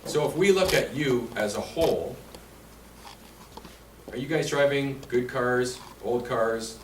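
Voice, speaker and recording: Speaking slowly and easily, a mid-pitched man presents an insurance seminar in a seniors' residence meeting room, chatting and quizzing the room. The sound is distant and roomy, with a faint hiss.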